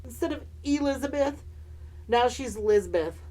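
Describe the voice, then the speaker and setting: A woman's voice: a little high, expressive, measured pace, warm tone. A woman co-hosting a podcast, telling stories in a casual comedic way with sassy, campy slang and playful swearing. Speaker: podcast co-host. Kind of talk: casual comedic storytelling mixing read narration and chat.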